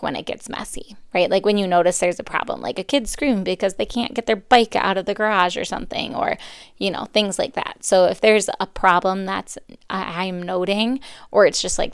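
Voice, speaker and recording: A woman in her thirties hosts her own podcast, chatting loosely and restarting her sentences as she goes. Her voice is smooth but has plenty of gravelly fry. The sound is dry and close. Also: on the low side, no echo. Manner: rambling, chatty, self-correcting. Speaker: podcast host. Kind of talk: casual solo podcast talk.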